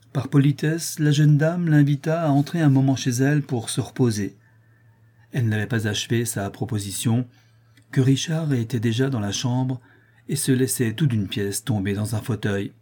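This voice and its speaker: A man reading a classic story aloud in an even, measured way. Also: mid-range voice, slightly rough. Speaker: narrator.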